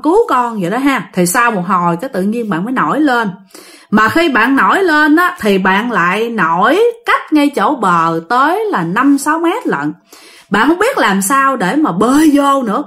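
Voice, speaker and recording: Speaking straight to her audience in a chatty way, a woman recounts a ghost story. Her voice is a little high and slightly bright.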